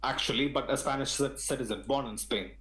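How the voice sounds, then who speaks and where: A man's voice: medium pitch, brisk, fairly bright tone, reverberant, poor audio. A man on a football fan podcast, ranting in an emphatic, slangy way. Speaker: podcast panelist. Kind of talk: heated football podcast talk.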